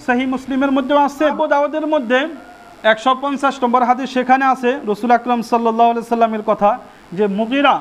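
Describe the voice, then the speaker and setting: Man, very high voice, sermon, asks and answers his own questions. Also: a bit bright. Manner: asks the audience questions and answers them himself. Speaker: mufti preacher. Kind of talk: Friday sermon on prayer rules.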